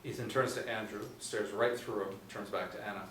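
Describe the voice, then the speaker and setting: A man in his forties, voice lowish and a bit bright, narrates screen directions at a slightly fast pace with fairly even intonation. The setting is a small indoor room with a seated group, picked up by a distant, roomy-sounding mic with faint background noise.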